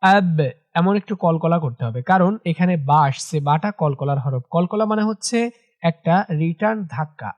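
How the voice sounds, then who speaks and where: A Quran recitation teacher who chants each phrase slowly and repeats it for listeners to echo, then explains pronunciation points in plain speech. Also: mid-range voice, animated, a little mellow, dull audio. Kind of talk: recitation lesson for viewers.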